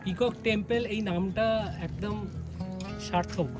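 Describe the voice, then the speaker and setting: Female travel companion, mid pitch, halting explanatory chat, clear music underneath. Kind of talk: casual chat mixed with English.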